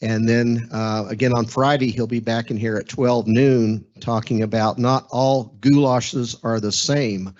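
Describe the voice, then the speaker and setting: A man hosting an event, reading a speaker introduction with relaxed asides and fillers. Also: medium pitch, a little slow, few pauses, highs cut off. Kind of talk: introduction speech.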